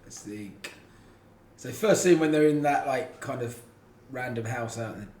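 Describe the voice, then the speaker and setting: A man's voice: medium pitch, normal speed, a little mellow, reverberant. A man taking part in a quiz podcast, joking around and trying out mock accents. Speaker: quiz contestant. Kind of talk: casual quiz banter.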